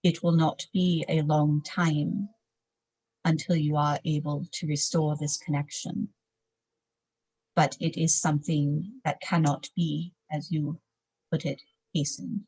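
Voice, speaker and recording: A woman speaking as a trance medium, in formal, solemn, measured phrases, as if a spirit guide were advising a client. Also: deep voice, flat delivery, warm tone, breathy edge, poor audio. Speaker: trance channeler, seance medium.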